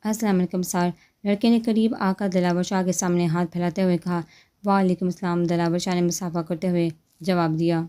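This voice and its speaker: A woman narrating a romance novel as an audiobook, reading in a steady, gentle way. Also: fairly low pitch, smooth.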